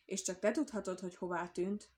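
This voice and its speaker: A woman's voice: medium pitch, steady tone, darkish tone, lightly acted. A woman storyteller voicing a sly, scheming male fox who mocks and blusters at the others. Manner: mocking, blustering.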